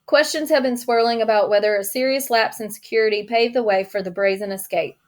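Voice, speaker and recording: A woman reading as a measured TV news anchor. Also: on the high side, close to an everyday voice. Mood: serious. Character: adult news anchor reading a crime report. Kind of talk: audiobook reading of a news report.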